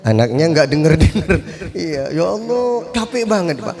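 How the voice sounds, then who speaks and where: Middle-aged male preacher, slightly high voice, animated storyteller playing out dialogue, mosque study session. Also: moderate pace. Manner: storytelling with acted dialogue and laughter. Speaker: Quran teacher and preacher. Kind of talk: informal religious study talk.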